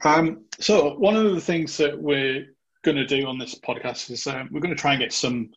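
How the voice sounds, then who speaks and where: A man's voice: fairly high pitch, moderate pace, a bit bright, slightly rough, dull audio. A man hosting a podcast in casual interview chat, with a hesitant, rambling way of talking. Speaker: podcast host.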